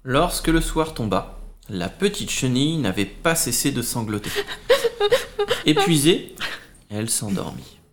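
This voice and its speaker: Male storyteller for kids, lots of melody in the voice, expressive. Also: mid-range voice, normal speed. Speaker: children's storyteller and co-host. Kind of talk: expressive children's story narration.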